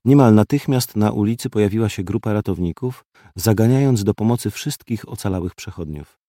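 A man narrates an audiobook in the first person, gruff and terse in manner. His voice sits low and sounds dark and mellow. The recording is dry and close, with no room sound. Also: dry recording.

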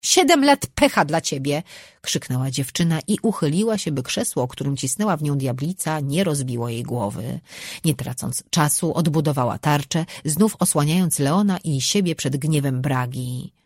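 Audiobook narrator, fantasy reading, husky mid-pitched voice, dry close recording. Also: moderate pace, a little mellow, no room sound.

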